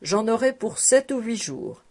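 A woman's voice: a little high, sing-song, measured pace, voice pushed up, heavily acted. A woman voicing a jovial, stout, balding male tax collector who talks in a boisterous, hearty way in an audiobook. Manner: boisterous and hearty, laughing loudly. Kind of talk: audiobook character reading.

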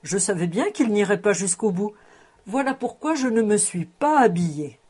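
A woman's voice: medium pitch, animated, moderate pace, warm tone, slightly rough. A woman voicing a shrewd old rabbi. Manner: sly, proverb-loving, nasal at times.

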